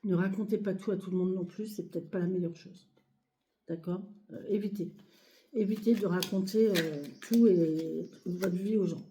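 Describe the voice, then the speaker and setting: A hoarse, short-of-breath woman speaking softly and hesitantly with many fillers as she reads cards in a casual video. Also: lowish voice, fairly even intonation, moderate pace. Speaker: card reader. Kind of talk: casual tarot reading video. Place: home, near a sleeping child, outdoor birds.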